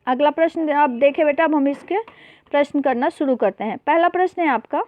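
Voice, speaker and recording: A woman's voice: high-pitched, fairly quick. A woman teacher patiently explaining a worksheet lesson to young children, often calling them beta, mixing in English words. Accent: Hindi, mixing English terms. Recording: tinny phone-like voice-over.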